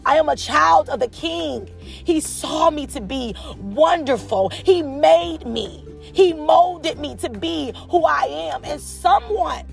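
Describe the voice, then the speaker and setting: A woman hosting a personal faith podcast, speaking softly and hesitantly, then rising into fervent preaching. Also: sits high, animated, takes it slowly, creaky, faint music behind. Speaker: podcast host.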